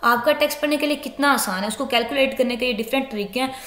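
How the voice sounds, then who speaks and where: A woman teacher explaining a lecture step by step. She reads English lines slowly and then explains them in Urdu-Hindi. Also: high voice, fairly bright tone, echoey room.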